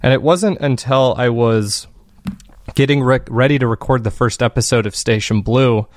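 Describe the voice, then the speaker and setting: Speaking at a moderate pace with medium pitch, a fiction podcast creator explains his creative work as an interview guest. His tone is earnest, reflective and conversational, captured in clean studio sound without echo.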